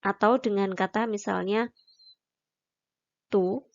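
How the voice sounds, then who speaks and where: A woman's voice: mid-range voice, a little slow, dull audio. A woman teaching a language lesson, patiently explaining and demonstrating each syllable aloud. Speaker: Mandarin teacher. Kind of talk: recorded online lesson.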